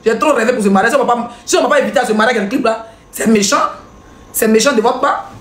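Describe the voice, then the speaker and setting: A woman's voice: fairly high pitch, roomy sound. A woman blogger, hosting a live stream and commenting in a mocking, laughing way. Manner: mocking, laughing, rapid back-and-forth with viewers.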